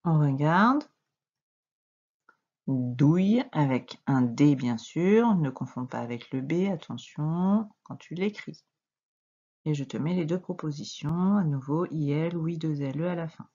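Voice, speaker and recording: A woman teacher with a French accent, giving a slow, patient reading and dictation lesson to a young child and spelling out letters. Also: sits low, lively intonation, darkish tone, slightly rough, lo-fi sound. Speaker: primary school teacher.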